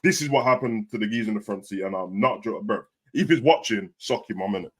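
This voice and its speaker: A young man speaks at a rapid clip in a British urban street accent. His delivery is casual roadman storytelling, thick with slang and slipping into quoted dialogue as he goes. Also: fairly low pitch. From Birmingham, England. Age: young adult.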